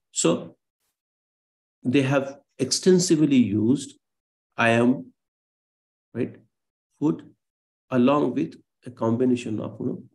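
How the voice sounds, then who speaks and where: A man's voice: mid-range voice, gravelly, warm tone. A male lecturer on a live online class, explaining patiently with many fillers and self-corrections over a video call.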